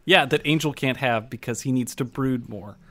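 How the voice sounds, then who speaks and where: A man co-hosting a casual podcast chat, giving opinionated, wry takes with quick asides. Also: medium pitch, a bit bright.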